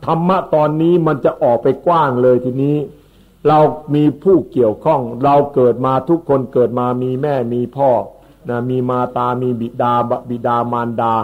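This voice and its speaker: A man, a monk, giving an unhurried Dhamma sermon that explains Pali terms and repeats his words. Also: medium pitch. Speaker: Buddhist monk. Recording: tinny phone-like recording.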